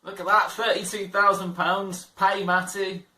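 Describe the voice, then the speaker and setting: A man's voice: high voice, little pitch movement, a little slow. A man playing a quiz game, commenting frankly and swearing, laughing at himself. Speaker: gamer. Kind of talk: casual let's-play commentary. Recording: roomy distant mic. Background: game music.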